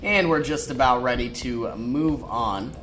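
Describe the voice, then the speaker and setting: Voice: medium pitch, a little slow, a bit bright. A person giving casual walkthrough commentary while playing a strategy game. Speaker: gameplay commentator. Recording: noisy, game sound behind voice. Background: strategy game sounds.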